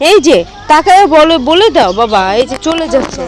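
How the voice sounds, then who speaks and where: A young woman, chatting to her viewers as friends in a casual family vlog and gently coaxing her little child, walking outdoors in a village with a phone camera. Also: high-pitched, big pitch swings, a little fast, noisy background. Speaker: vlogger and mother.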